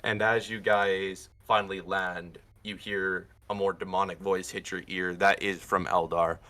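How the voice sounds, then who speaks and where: A man's voice: low voice, little pitch movement, a little slow, pushed and bright. A man working as game master, improvising narration for a tabletop game.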